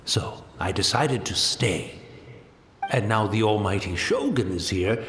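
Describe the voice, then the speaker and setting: An actor playing a gentle, elderly, blind male tea master in a game, courteous and humble, given to rambling reflection. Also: lowish voice, expressive, measured pace, roomy sound, a little hiss or hum. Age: older. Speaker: servant to a ruler. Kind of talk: game cutscene voice acting.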